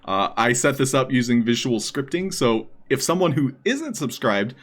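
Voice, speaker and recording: A man's voice: mid-range voice, very animated, moderate pace. A man hosting a live stream, chatting casually with his viewers.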